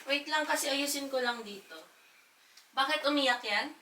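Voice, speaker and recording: A woman from the Philippines chats casually to her viewers while she tidies up at home. She talks slowly and keeps turning to her audience between chores. Her voice is bright and tense. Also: high voice. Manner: chatty, addresses viewers as "mga mamshis" between chores. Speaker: family vlogger, mother. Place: home in a family apartment.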